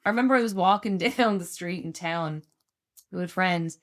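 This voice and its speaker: Podcast co-host, woman in her thirties, loud giddy delivery, slightly low voice, laughs a lot. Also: moderate pace. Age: 30s. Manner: candid, laughs often, acts out quoted voices. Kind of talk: casual chat.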